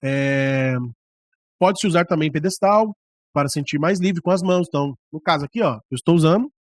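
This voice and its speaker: This man, who has a Brazilian Portuguese accent, teaches preaching skills to church leaders in a classroom lecture. His fairly high voice moves briskly and conversationally, and he often demonstrates points with his own voice and a stand-mounted microphone placed about ten centimeters away, with no echo.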